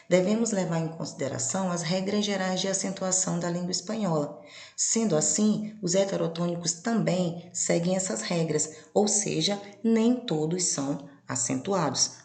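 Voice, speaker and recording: A woman's voice: fairly low pitch, gravelly, a little mellow. A Brazilian woman with a Brazilian Portuguese accent gives a recorded exam-prep Spanish lesson, repeating key points and modelling pronunciations. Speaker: Spanish teacher. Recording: echoey room.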